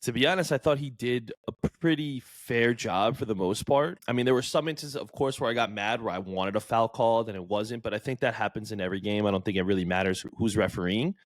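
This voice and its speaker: A man's voice: lowish voice, quick pace, hardly any pauses, dry recording. A man co-hosting a casual sports podcast, talking enthusiastically in a loose, filler-heavy way. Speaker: podcast co-host.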